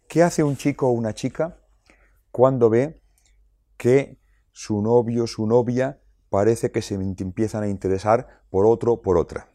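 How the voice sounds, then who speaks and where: A man gives a lively explanatory talk to parents, his voice sitting low. He poses rhetorical questions and acts out little quotes. The sound is dry and close. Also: no echo. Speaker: speaker on child rearing.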